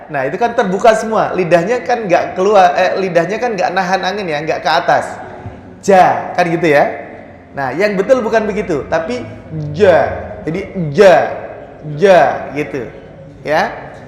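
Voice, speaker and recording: A man teaching a Quran recitation class, repeating sounds slowly in drills and talking casually with many "ya" and "gitu" fillers. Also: a little high, echoey room, in a large hall. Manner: drawn-out pronunciation drills, frequent "ya" and "gitu". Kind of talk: casual tajwid lesson with demonstrations. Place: prayer room, indoors.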